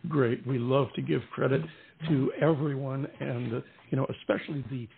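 A man hosting a music show, interviewing conversationally in a gravelly, husky voice. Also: mid-range voice, steady tone, moderate pace. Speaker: radio music show host. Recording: narrow, phone-like sound.

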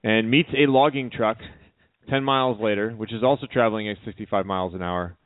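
A man co-hosting a radio talk show, chatting casually with a wry, deadpan humor. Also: lowish voice, brisk, no room sound. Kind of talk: casual chat. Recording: dry, phone-like narrow sound.

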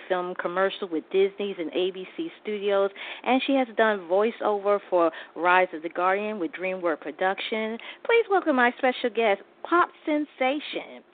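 Female host, gushing and halting, phone-quality audio. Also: medium pitch. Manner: effusive, halting with fillers. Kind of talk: radio interview. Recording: tinny phone-like line.

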